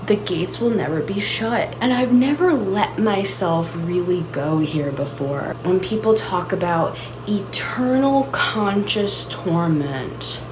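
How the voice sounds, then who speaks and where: A woman's voice: mid-range voice, animated, slow, hardly any pauses. A woman hosting her own channel, musing aloud in a searching, reflective solo monologue full of restarts and "like"s. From United States. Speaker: channel host. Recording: audible background noise.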